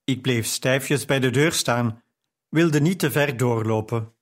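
A man narrating an audiobook in a calm, measured storytelling manner. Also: medium pitch. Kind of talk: scripted narration.

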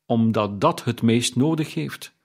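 A man's voice: medium pitch, a little slow, creaky. A man voicing a giant, kindly Christmas spirit who speaks emphatically, stressing single words, in an audiobook reading. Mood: solemn, emphatic. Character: giant jovial male Christmas spirit, kindly but stern.

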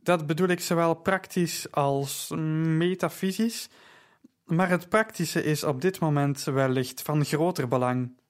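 A man's voice: fairly high pitch, steady tone, unhurried, natural voice. A man voicing a drunk, pompous male stage actor who slurs his words and speaks in grand, formal phrases. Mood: tipsy, grandiose.

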